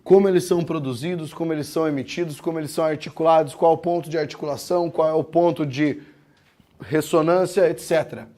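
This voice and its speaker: A man's voice: on the high side, steady tone, darkish tone. Man teaching a grammar class. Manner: explains step by step, asks the class questions, says "tá?" often; slows down to spell out words syllable by syllable. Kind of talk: classroom lecture.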